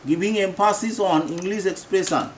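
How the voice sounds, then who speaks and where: A man who speaks Bengali natively, teaching spoken English and slowly repeating each phrase for his learners. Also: high-pitched, reverberant, a little hiss or hum, low-quality recording.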